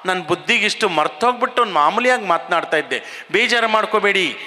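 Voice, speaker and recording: A man voicing a flustered, apologetic female event anchor in a high, gushing tone. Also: lively intonation, fairly quick, sharp tone, big-room sound, exaggerated voice.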